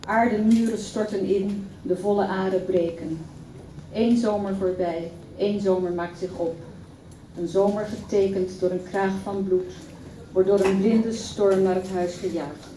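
Woman, mellow voice, solemn poetry recitation, recorded from afar in a reverberant hall with faint background hum. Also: medium pitch, fairly even intonation, unhurried. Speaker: poetry reader. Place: event hall. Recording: echoey hall from far off.

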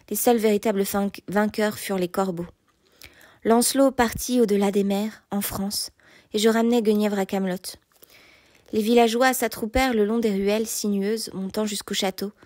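A woman narrating an audiobook in a measured, softly hushed reading. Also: medium pitch, no echo, studio quality.

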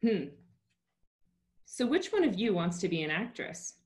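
A woman's voice: mid-range voice, very animated, a little slow, a little mellow. Woman reading as a polite teasing city man. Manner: polite, smooth.

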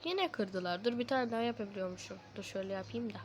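A woman giving casual, slangy gameplay commentary while lying down, breaking into excited shouts. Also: medium pitch, fast talker. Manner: talks lying down. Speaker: gaming video host.

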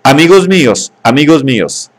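A tender, reproachful machine voice , put on by a male reader, pleading slowly and soothingly. It sits above his normal voice, in a storybook reading. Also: on the high side, sing-song, voice pushed up. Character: synthetic loudspeaker voice, tenderly reproachful.

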